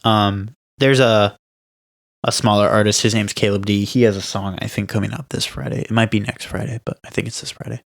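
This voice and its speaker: This young podcast co-host's voice is on the low side and creaky, and he talks a little fast. He chats casually and tells stories animatedly, with emphasis and laughter.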